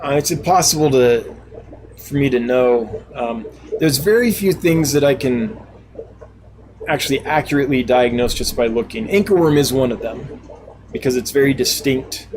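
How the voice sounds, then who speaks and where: A man's voice: medium pitch, moderate pace, noisy background. A man hosting a casual live stream, reading out viewer comments and answering them in a chatty, laughing, self-deprecating way. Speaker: live stream host and fish seller.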